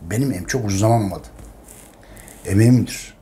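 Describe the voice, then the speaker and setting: A man's voice: on the low side, fast, dark tone. Emphatic man repeating himself urgently. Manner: emphatic, repeats phrases, calls listeners friends; urgent, pleading with viewers to share. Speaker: channel host presenting his history book. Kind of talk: impassioned monologue to viewers.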